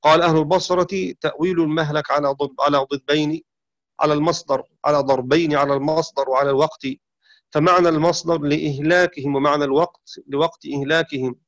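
A man teaching the variant readings of the Quran, explaining rules and slowly sounding out words to demonstrate pronunciation. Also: a little high, fairly even intonation, a bit bright, dry recording. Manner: explanatory, slows down to sound out words, self-correcting. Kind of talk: religious lesson on recitation variants.

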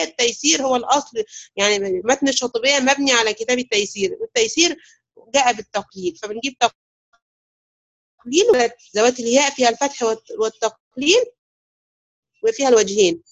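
Quick Egyptian woman teaching recitation. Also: high-pitched, a bit bright. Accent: Egyptian Arabic. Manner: asks students questions and waits. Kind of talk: online lesson on recitation rules.

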